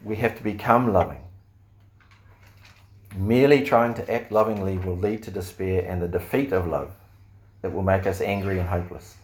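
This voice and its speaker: A man's voice: deep voice, moderate pace, long pauses. Earnest male pastor preaching. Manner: earnest, rhetorical questions, frequent fillers. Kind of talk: sermon.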